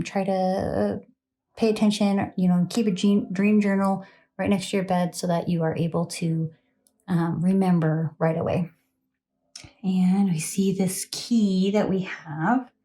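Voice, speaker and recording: A woman's voice: mid-range voice, warm tone. A woman giving a casual tarot reading late at night, chatty and rambling, with many fillers, and sounding tired. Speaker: tarot reader.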